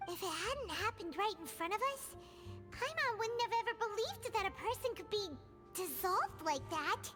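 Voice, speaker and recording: A tiny, perky fairy companion in a video game, with a very high, squeaky voice that bounces around a lot. She is excitable and refers to herself in the third person. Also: moderate pace, over music. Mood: chipper. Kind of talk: game voice acting.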